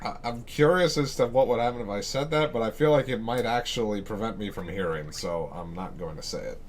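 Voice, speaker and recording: A young man in college giving casual, sarcastic commentary while playing a video game, swearing and thinking out loud. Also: fairly low pitch, fairly quick, a little hiss or hum. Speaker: let's play host.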